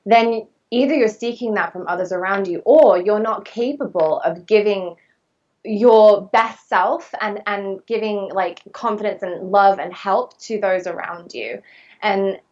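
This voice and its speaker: A woman's voice: mid-range voice, a little slow, darkish tone. A woman telling her story as a podcast guest, speaking in an earnest, fluent and reflective way. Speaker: podcast guest, actress and body-image coach. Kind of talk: candid personal storytelling. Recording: distant, dull remote recording.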